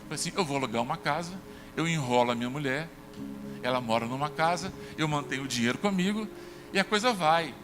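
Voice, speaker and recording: A fairly high-voiced Brazilian pastor tells stories from the pulpit, voicing each person in the dialogue. His voice carries a long reverb through the church hall, and music plays clearly underneath. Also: quick pace. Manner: conversational storytelling, acts out dialogue with shifts in pitch. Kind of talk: sermon with personal storytelling. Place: church sanctuary.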